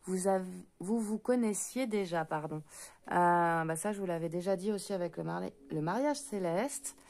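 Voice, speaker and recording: A woman with a French accent doing a spoken card reading for viewers. She talks fast, trips over her words and fills pauses with hesitant sounds. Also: lowish voice, a little mellow. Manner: talks fast and stumbles, many hesitant fillers. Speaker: intuitive card reader.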